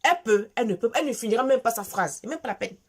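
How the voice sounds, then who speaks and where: A woman's voice: fairly high pitch, lively intonation, rapid-fire, slightly rough. A woman from Gabon with a Gabonese French accent, delivering an emphatic, scolding monologue to her viewers and repeating phrases for force. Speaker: vlogger. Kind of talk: impassioned monologue addressed to viewers.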